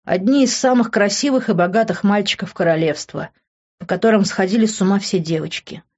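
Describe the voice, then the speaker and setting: A woman's voice: medium pitch, fairly quick, a little mellow, highs cut off. A woman reading a first-person novel aloud as an audiobook narrator, with an emotive storytelling manner.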